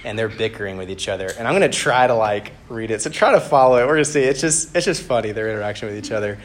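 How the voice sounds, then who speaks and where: A man giving a relaxed, conversational sermon to a campus group. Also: on the low side, fast talker. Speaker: campus ministry speaker. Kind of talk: casual sermon.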